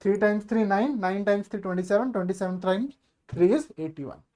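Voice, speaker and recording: A man's voice: high-pitched, extremely slow, dark tone. A male maths teacher giving an online exam-prep lecture, chatty and coaxing, asking the class rhetorical questions and mixing English terms into his explanations.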